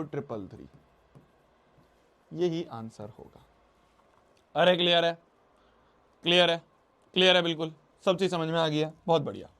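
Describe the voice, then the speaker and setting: Man, math teacher, high-pitched voice, repeats phrases, mixes Hindi and English. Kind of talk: online math lesson.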